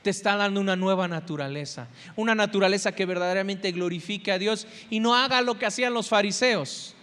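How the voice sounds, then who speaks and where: Male pastor, Mexican accent, high voice, dramatic sermon delivery, long church reverb. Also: brisk, smooth. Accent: Mexican Spanish. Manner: preaching with sudden swings between shouting and soft intensity.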